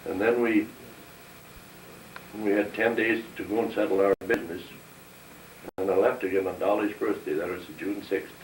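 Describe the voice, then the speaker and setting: Speaking in a low voice, an elderly North Dakotan, aged 70s or older, gives a straightforward account of his life as a war veteran being interviewed for an oral history. The recording is roomy and distant, with hiss in the background.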